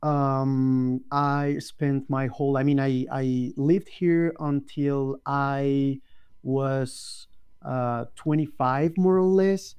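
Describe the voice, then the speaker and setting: Slow, mellow-voiced man. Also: mid-range voice, fairly even intonation, clean tone, lo-fi sound. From Colombia. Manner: slow, thoughtful, many hesitant ums. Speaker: guest. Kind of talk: casual interview chat. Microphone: video call.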